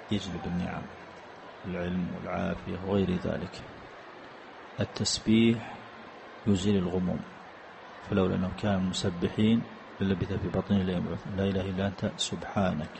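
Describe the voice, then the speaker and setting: A man giving a religious lesson in a large mosque, reading out questions and then explaining each one deliberately. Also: low-pitched, steady tone, gravelly, background noise. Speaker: mosque teacher answering questions.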